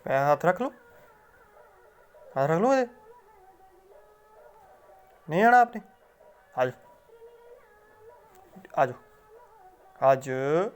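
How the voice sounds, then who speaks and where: A man's voice: mid-range voice, sing-song, extremely slow, long pauses, smooth, faint music behind. A man talking casually to his pet parrot, coaxing and scolding it with short, repeated phrases. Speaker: pet owner.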